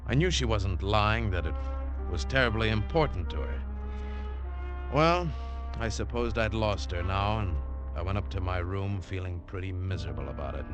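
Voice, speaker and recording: A lead actor voices a tough, wary adventurer in a 1940s radio adventure drama, narrating in the first person with clipped, world-weary, hard-boiled lines. His voice is low with lively intonation at normal speed, and the mood is brooding. The vintage radio recording has music underneath.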